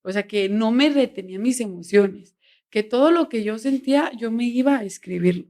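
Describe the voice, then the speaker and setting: Woman, podcast guest, slightly high voice, animated storytelling, acts out dialogue. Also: normal speed. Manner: animated storyteller, quotes dialogue, frequent "o sea", laughs often. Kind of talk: casual interview chat.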